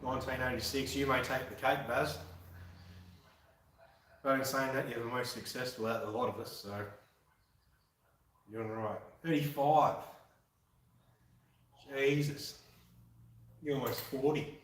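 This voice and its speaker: A man's voice: mid-range voice, steady tone, unhurried, pauses often, a bit bright. A man in his twenties with an Australian accent, chatting casually with viewers on a live stream, laid-back and swearing now and then. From Western Australia. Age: 20s. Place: garage. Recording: very echoey room, mic far off.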